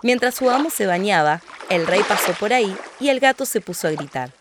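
Woman calmly narrating a fairy tale. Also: medium pitch, a little fast, very noisy. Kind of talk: storybook narration.

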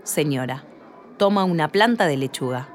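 A woman reading a play script aloud, announcing character names and stage directions in a calm, lower voice. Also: normal speed, a little hiss or hum. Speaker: reader of a play.

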